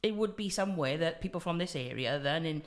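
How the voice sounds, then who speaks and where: A woman's voice: low voice, animated, fast talker. A woman co-hosting a casual podcast chat. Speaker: podcast co-host.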